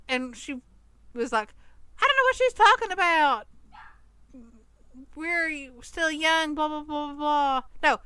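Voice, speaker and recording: A woman in her thirties co-hosts a podcast, telling a story in casual chat and acting out the people she quotes. Her voice is high and sharp, recorded without echo but in low quality.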